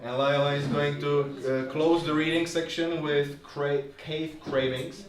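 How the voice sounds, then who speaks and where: This man's voice runs a little high and level, and he reads a little slowly as he shares prose fiction with a bar audience. He is the host as well as the reader at this live literary event, heard through a distant, roomy recording carrying faint noise.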